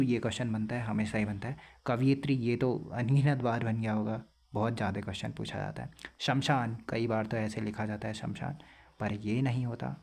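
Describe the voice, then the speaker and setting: A young man teaching a casual spelling lesson for exam prep, explaining plainly and repeating words slowly to correct them. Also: mid-range voice, vocal fry, a little mellow, slightly rough.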